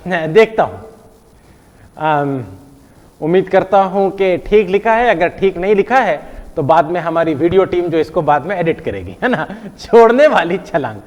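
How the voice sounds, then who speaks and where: A male teacher walks his class through a math lesson with a playful, animated manner. His voice sits high and swings widely in pitch. The recording carries a long reverb, like a big room. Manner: playful, animated, counts aloud, checks in with "है ना?".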